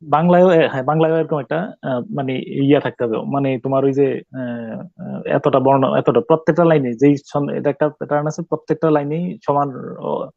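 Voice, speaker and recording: A male teacher giving a classroom poetry lesson, questioning students and pausing often to search for words. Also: on the high side, fairly even intonation, gravelly, dry recording, phone-quality sound. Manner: stops to quiz students, mixes English terms, many hesitations.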